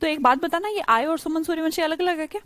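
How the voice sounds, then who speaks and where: A woman from India teaching an English grammar class live, explaining lively and teasing her students with quick questions. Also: extremely high pitch, no room sound.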